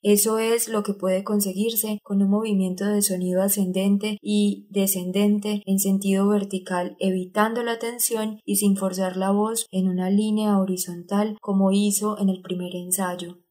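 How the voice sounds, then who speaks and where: A woman's voice: medium pitch, flat delivery, a little slow, hardly any pauses, mellow, natural voice. A woman reading the part of an exacting older male acting teacher in an audiobook, explaining step by step in a didactic manner. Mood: instructive.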